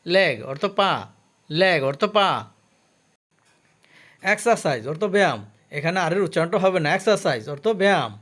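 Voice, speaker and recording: High-voiced man drilling English words. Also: a bit bright. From Bangladesh. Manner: slow, careful drill with pronunciation notes. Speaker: English teacher. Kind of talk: vocabulary lesson, repeating each word twice.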